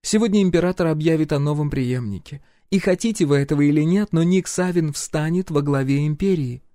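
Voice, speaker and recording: A man's voice: on the high side, a little fast, warm tone, dry recording, clean studio sound, voice pushed up, close to an everyday voice. Man voicing a commanding imperious empress. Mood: forceful, pleading. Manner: insistent, commanding, coolly polite. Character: proud imperious empress, middle-aged woman.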